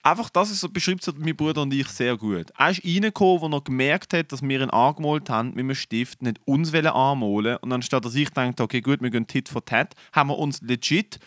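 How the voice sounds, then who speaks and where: A man's voice: mid-range voice, a little fast, few pauses, no echo, clean studio sound. A young man telling stories in a casual chat, swearing freely and dropping English slang. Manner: animated retelling, swears a lot, mixes in English slang. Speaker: podcast co-host.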